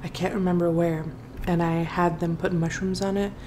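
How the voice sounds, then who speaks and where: A woman's voice: fairly low pitch, flat delivery, normal speed, a little mellow, a little hiss or hum. A woman vlogger chatting casually while chewing her food, rambling and trailing off with fillers. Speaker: mukbang vlogger. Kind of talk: casual chat while eating.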